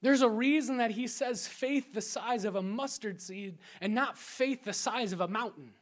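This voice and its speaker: Lively preacher man acting out scripture. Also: very high voice, normal speed. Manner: lively preaching that drops to a hushed, prayerful tone in quoted prayers; acts out scripture scenes and crowd voices with playful sound effects. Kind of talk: sermon.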